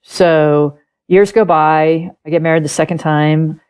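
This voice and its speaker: A middle-aged woman whose first language is German, an author appearing as a podcast guest, tells her own story candidly and animatedly. She acts out past conversations and laughs often. Her voice sits low, clear and resonant, at an unhurried pace.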